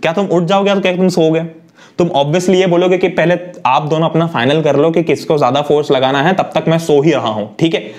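A young man giving a lively, chatty lecture, often putting questions to his students as he teaches. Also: on the high side, brisk. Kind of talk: energetic one-shot lecture.

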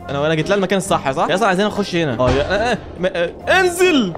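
A young man with an Egyptian accent talks through a horror game at breakneck speed, his voice sitting fairly high. He jokes, swears by God constantly and jumps at every scare. Faint game music plays behind him. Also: very fast. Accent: Egyptian Arabic. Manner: jumpy, joking, swears often and gets easily startled. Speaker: gaming YouTuber. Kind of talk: horror game let's-play commentary.

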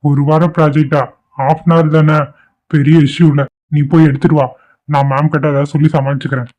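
A man voicing a supportive young colleague in a cartoon who calms his friend down. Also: fairly high pitch, a little fast, close to an everyday voice. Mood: reassuring. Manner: calming, supportive. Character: reassuring young office colleague. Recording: dull lo-fi cartoon audio.

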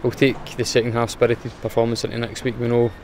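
Young scottish man, footballer, post-match interview, flat even tone, faint outdoor noise. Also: mid-range voice, fast. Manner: plain, matter-of-fact, restarts with fillers. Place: outdoors in front of a sponsor board.

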